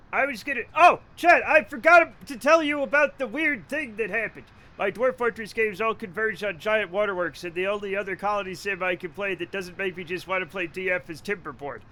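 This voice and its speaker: A man's voice: sits high, sharp tone. A man from Rhode Island chatting casually on a live game stream, rambling, joking, cursing freely and laughing often. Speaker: livestreamer. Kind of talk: casual live-stream chat while gaming.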